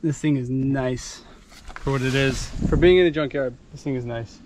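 A man's voice: medium pitch, fairly even intonation, moderate pace. Man muttering through a noisy junkyard. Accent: American Midwest. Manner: offhand, muttering car names to himself. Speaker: car vlogger. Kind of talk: casual running commentary. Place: outdoor junkyard, later inside a car. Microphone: handheld action camera.

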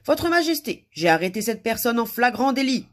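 A woman voicing a gloomy, gruff palace guard as she reads a children's story aloud. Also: fairly high pitch, very animated, normal speed, pitched above the performer's own voice. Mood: stern. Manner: lugubrious and gruff.

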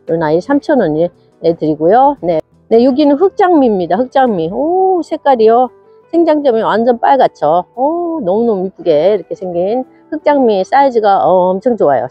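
A woman's voice: mid-range voice, breathy edge, dry recording. A cheerful woman from South Korea showing her succulents for sale, gasping and exclaiming at each plant. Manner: bubbly and cheerful, frequent gasps and exclamations. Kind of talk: casual product showcase. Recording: dull lo-fi sound with faint music.

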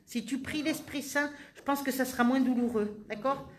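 A woman, a medium, works through questions from the audience at a live session. Her voice sits slightly high. She answers fast and familiarly, half teasing, half comforting. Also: darkish tone. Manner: familiar and direct, switching to tu, teasing and reassuring.

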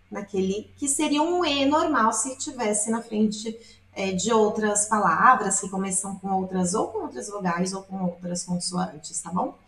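A woman with a Brazilian Portuguese accent teaching Italian song lyrics, explaining and repeating words to show how they are said. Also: mid-range voice. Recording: echoey room, voice from a distance.

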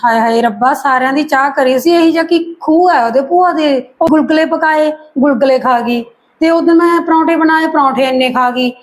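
Actress as high-voiced, fast-talking Punjabi housewife. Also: female voice, close to an everyday voice. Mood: exasperated. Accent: Punjabi, Malwa. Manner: chatty, grumbling. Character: overworked, complaining young woman of a village household. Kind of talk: amateur short-film acting.

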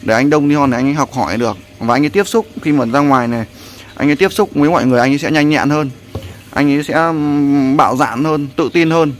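A vlogger rambles to his viewers in casual narration while coaching a friend through outdoor cooking, saying "there" again and again. His voice is a little high and fast, with slight background noise.

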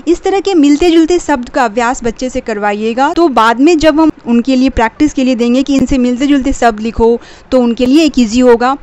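A woman's voice: high-pitched, a little mellow, lo-fi sound. A woman in her thirties teaching parents how to help young kids learn letter sounds, patiently spelling each sound out and slipping English phrases into her talk. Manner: mixes English phrases into Hindi. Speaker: teacher of a children's channel.

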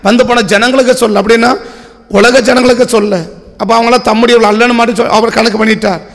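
A man's voice: very high voice, little pitch movement, fast talker, long reverb tail. A man preaching a sermon with a Tamil accent, asking the same questions again and again. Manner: repetitive rhetorical questioning. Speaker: pastor.

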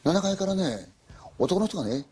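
Brief: unhurried, matter-of-fact apartment neighbor lady in a spoken ghost story, done by a man. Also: sits high, big pitch swings, darkish tone, slight background noise, pitched above the performer's own voice. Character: middle-aged woman neighbor, matter-of-fact.

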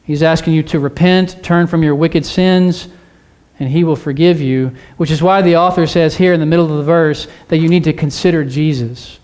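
A male pastor preaches a sermon in church, his voice a little high and slightly mellow, with a steady tone at normal speed. He urges the congregation on earnestly, repeating phrases and posing rhetorical questions to them.

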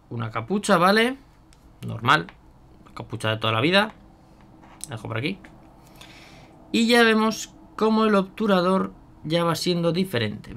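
A man's voice: a little high, vocal fry, fairly bright tone. A man chatting casually through a hands-on product demo, thinking aloud with fillers and asides to viewers. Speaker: miniature painting youtuber.

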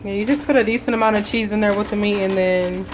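A woman's voice: medium pitch, steady tone, quick pace, faint music behind, rough recording. A woman explaining a recipe to her viewers in a home kitchen, chatty and casual. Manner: chatty, explaining, addresses viewers as you guys. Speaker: vlog host. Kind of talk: casual cooking demonstration.

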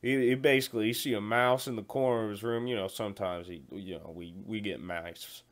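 A man's voice: fairly low pitch, brisk, lightly acted. A man playing a callous 40-year-old male night security guard who stammers, repeats himself and rambles in slangy talk during a comedy phone-call monologue. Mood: rambling. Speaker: comedy skit performer.

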